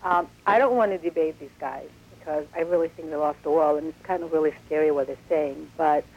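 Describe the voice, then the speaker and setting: A woman's voice: low voice, a little fast. A woman calling in to a talk radio show over the telephone, upset and insistent, pressing her point in long runs. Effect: heard over a telephone line. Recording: dull lo-fi phone line.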